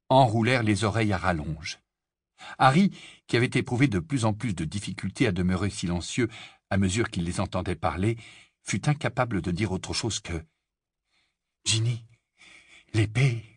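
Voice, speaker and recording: An expressive storyteller reading an audiobook aloud. The voice is husky and moves freely in pitch. The recording is dry and close. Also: no echo. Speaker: audiobook reader. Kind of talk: audiobook narration.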